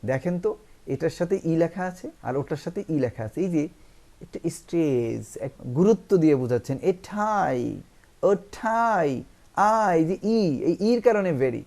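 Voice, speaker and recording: A man with a Bangladeshi accent teaching a spoken English lesson in Bangla, drawing out English example sentences slowly and repeating key words for emphasis. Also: on the high side, expressive, dark tone.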